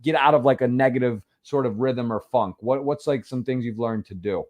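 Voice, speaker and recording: A man's voice: medium pitch, darkish tone. Man asking long, rambling questions. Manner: long rambling questions, quick, repeats words. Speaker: podcast host, interviewer. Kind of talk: casual interview questions.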